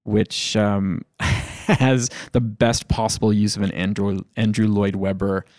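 A man speaking as a film critic on a podcast panel, in casual discussion with halting, restarted phrases. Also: on the low side, level tone, darkish tone, no echo, studio quality.

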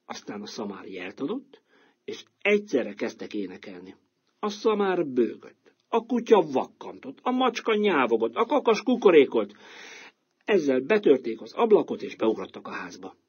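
A man narrating a children's fairy tale in an expressive, lively storytelling manner, with a husky voice. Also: mid-range voice. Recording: dull lo-fi recording.

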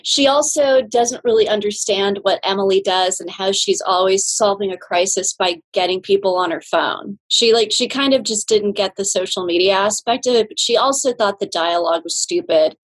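Woman filmmaker guest, mid-pitched, wry and considered, casual interview talk. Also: moderate pace, hardly any pauses, low-quality recording.

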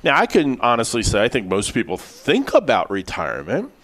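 A man's voice: mid-range voice, huge pitch swings, brisk, fairly bright tone. A man co-hosting a financial radio show, talking emphatically and repeating key words for stress. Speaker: financial advisor co-host.

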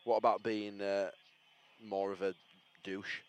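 A man from Bradford with a Bradford accent, co-hosting casual, jokey football banter in excitable, blunt northern slang. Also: fairly low pitch, a little slow. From Bradford, England. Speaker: co-host of a football fan podcast. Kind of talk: casual banter and live match reaction.

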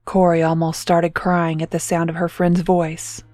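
A woman reading a scripted horror story in a slow, measured way, drawing out the suspense. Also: fairly low pitch, completely flat delivery, darkish tone, no room sound, studio quality, soft background music. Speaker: narrator.

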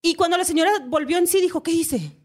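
A Mexican woman hosting a podcast, telling a story in casual chat, animated and swearing freely as she acts out quotes. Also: very high voice, rapid-fire. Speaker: podcast host.

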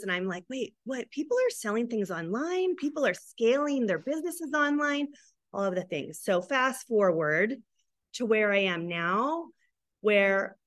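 On a casual podcast, a business coach for mothers, a woman in her thirties or forties from Arizona, USA, speaks in a medium-pitched voice with no echo. Sharing the story of growing her business as a mom, she sounds warm, eager and upbeat, getting emotional to the point of tears.

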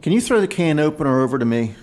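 A man's voice: a little high, big pitch swings, rapid-fire, darkish tone. An actor playing an anxious, earnest young man held captive, speaking in an exasperated way. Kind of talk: audio drama acting.

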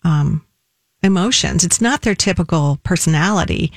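A woman hosting a radio talk show as a nutritionist, talking in a measured, conversational way. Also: lowish voice, animated, no room sound, clean studio sound.

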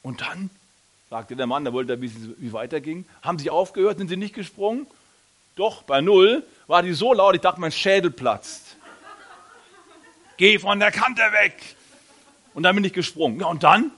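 A man preaching a sermon, telling a story with lively delivery, speaking directly to the congregation and acting out the voices of people in it. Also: on the high side, moderate pace. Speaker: pastor.

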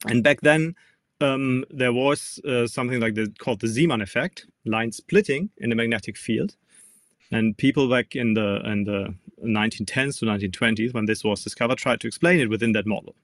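A man's voice: medium pitch, brisk, no echo, studio quality. A man with a German accent, a physics professor, explaining carefully as an interview guest with frequent ums.

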